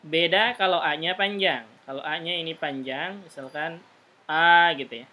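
This man's voice is fairly high, bright and forceful, at a normal speed. Teaching an online Arabic class, he patiently drills pronunciation and keeps ending sentences with "gitu, ya."

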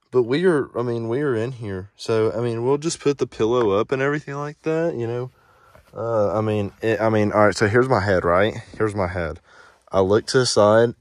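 Rambling low-voiced young man vlogging. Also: dry recording. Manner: rambling, full of fillers. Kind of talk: casual vlog narration. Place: inside a pickup truck.

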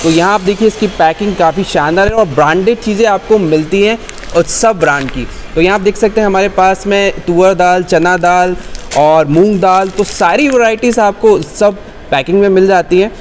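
Upbeat high-voiced young man vlogging. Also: normal speed, in a large hall, a little hiss or hum. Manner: upbeat salesy, addresses viewers as friends. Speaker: vlogger host. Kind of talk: promotional vlog presenting. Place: large warehouse floor.

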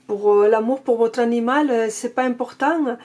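A woman's voice: fairly high pitch, normal speed, darkish tone. A woman with a non-native French accent chatting casually as she unboxes and reviews an oracle card deck. She gushes and keeps repeating her praise.

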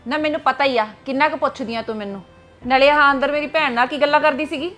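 A woman plays an ailing, quarrelsome older mother-in-law in a homemade family drama. Her voice is high and sharp-edged, and she scolds indignantly. Light music runs behind. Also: fast. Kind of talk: Punjabi family web drama.

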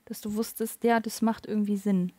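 A woman interviewing a guest, giving short encouraging responses and asking gentle follow-up questions. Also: mid-range voice, fairly even intonation, a little fast, no room sound. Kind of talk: conversational interview.

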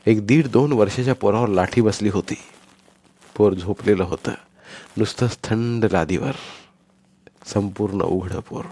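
A man reading a short story aloud in a dramatic, measured way. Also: on the low side, mellow, husky. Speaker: audiobook narrator. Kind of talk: scripted story narration.

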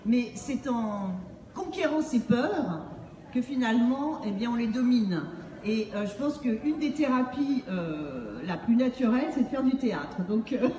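A middle-aged woman from Montreal, Canada, an author and acting-based speaking trainer, gives a humorous book presentation on stage in a large book fair hall. Her high voice is expressive and measured, with a dark tone. Her handheld mic runs through the PA and a distant camera records it, so the hall sounds echoey and far off with faint noise.

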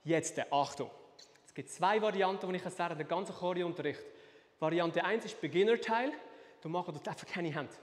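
A young man coaches a dance routine, counting out beats and scatting the rhythm as he moves. His voice sits high for a man. A long echo from the dance studio trails behind every line. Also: brisk. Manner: counts beats aloud, mixes in English, scats the rhythm. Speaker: dance teacher. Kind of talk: live online dance class.

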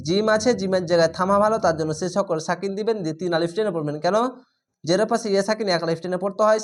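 Instructor for a recitation lesson, mid-pitched, who spells out letters and then drawn-out chants each word. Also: slight background noise. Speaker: Quran reading teacher.

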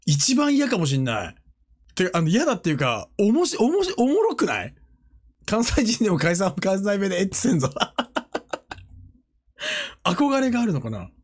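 A male streamer chats casually with his audience and keeps the talk joking and animated. His pitch leaps and dips a lot from phrase to phrase. He laughs often and slips into playful mimicry. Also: normal speed, pauses often, breathy edge. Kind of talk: casual livestream chat.

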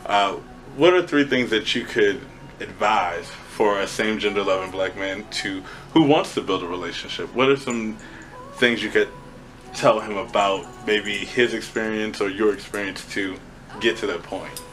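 Off-camera male interviewer, low relaxed voice over a music bed. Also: moderate pace, rough recording. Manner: relaxed, with brief affirming murmurs. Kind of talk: interview questions.

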